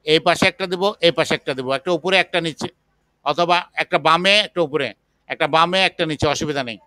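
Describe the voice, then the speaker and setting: A man teaching a chemistry class, slowly dictating the material. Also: on the high side, bright, forceful tone, no echo. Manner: slow, patient dictation. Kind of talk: classroom lecture.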